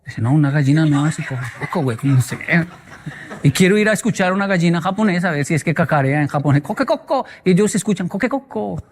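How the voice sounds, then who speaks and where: A man speaks to an audience in a large hall, his fairly high voice ringing with long reverb. He tells humorous stories in a motivational talk, acting out the people he quotes and imitating animal sounds. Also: a little mellow. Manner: playful storyteller, acts out quoted voices and sounds. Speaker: speaker answering audience questions.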